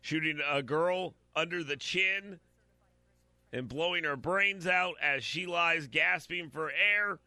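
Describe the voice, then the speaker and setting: A man's voice: fairly high pitch, slow pace, pushed and bright, no echo. A man giving blunt, opinionated commentary while reading out a news story, talking straight to his audience and stumbling over repeated words.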